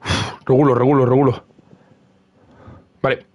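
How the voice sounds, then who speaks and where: A young man streaming a football video game live, giving excitable running commentary on his own play and repeating words. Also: medium pitch, normal speed. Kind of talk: live gaming stream chat with friends.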